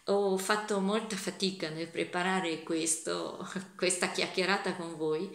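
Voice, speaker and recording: A woman's voice: on the low side, steady tone, measured pace, creaky. A woman reviewing a book, reading a passage aloud expressively and then chatting with casual hesitations. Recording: echoey room.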